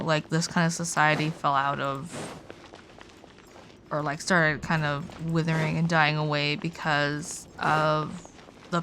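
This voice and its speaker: Low-pitched with vocal fry and a fairly bright tone, her voice carries a slight hiss or hum. She's a worn-out streamer gaming and chatting casually, rambling and often trailing off, over game music.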